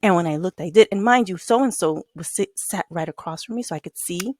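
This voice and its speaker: A woman's voice: a little fast, dry recording, clean studio sound. A woman chatting casually on a podcast with her cousin, telling stories animatedly and acting out the quotes. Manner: animated storyteller, acts out quotes in high voices. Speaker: podcast co-host. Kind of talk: casual chat between cousins.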